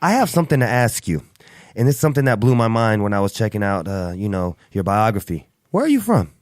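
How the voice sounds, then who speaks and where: A man's voice: lowish voice, very animated, fast, dry recording, studio quality. A man hosting a podcast interview, upbeat and encouraging, often repeating short agreements. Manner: upbeat, hype, repeats "got you". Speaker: podcast host. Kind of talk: casual interview chat.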